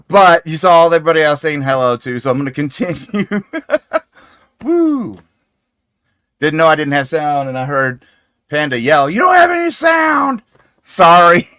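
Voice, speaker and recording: A man's voice: mid-range voice, clean tone, no echo, clean studio sound. A man hosting a casual crochet livestream, greeting viewers by name, laughing easily, talking into a desk mic at home. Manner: chatty, greets viewers warmly, laughs often. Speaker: crochet channel host. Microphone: desk microphone.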